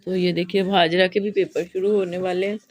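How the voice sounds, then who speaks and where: A woman's voice: on the low side, level tone, brisk, darkish tone. A woman vlogging at home as a mother, chatting casually and speaking straight to her viewers.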